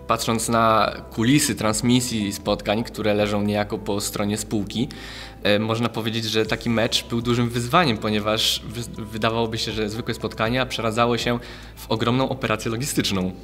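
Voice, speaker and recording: A young man interviewing, asking steady, formal prepared questions at a desk mic in a small studio. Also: lowish voice, normal speed, faint music behind. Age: young adult. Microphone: desk mic on boom arm.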